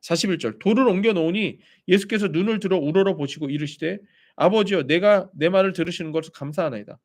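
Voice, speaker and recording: Male pastor, sermon, animated delivery, somewhat high voice, swooping intonation. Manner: animated preaching, acting out quoted voices.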